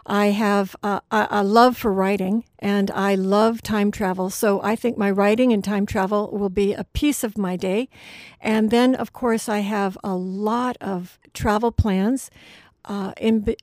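A woman's voice: mid-range voice, fairly even intonation, measured pace, a little mellow, dry recording. A woman in her sixties from Wyoming, a retiring university administrator chatting upbeat on a radio interview, with frequent fillers. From Wyoming, USA.

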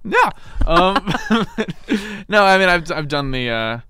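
A man's voice: on the high side, lively intonation, slow pace, bright, forceful tone, clear, resonant tone, no room sound. A man in his twenties hosting a college radio interview in a rambling, playful, casual style with mock-dramatic asides. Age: 20s. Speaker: college radio show host.

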